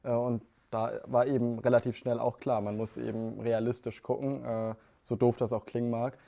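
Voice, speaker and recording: A man hosting an interview, asking questions in a quick, chatty way. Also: mid-range voice, level tone, vocal fry, mellow. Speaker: podcast host, interviewer.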